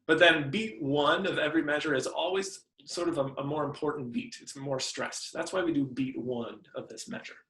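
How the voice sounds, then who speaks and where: A man's voice: on the high side, moderate pace, hardly any pauses, a bit bright, echoey room, rough recording. A man teaching piano in a friendly, explanatory way, sometimes humming melodies to show phrasing. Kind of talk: instructional video lesson.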